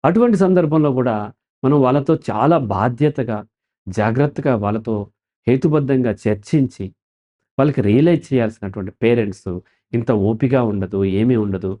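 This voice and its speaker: This is a man of medium pitch speaking at a normal speed. As the counselor guest in an interview, he explains with animation, frequently raising a question only to supply the answer himself.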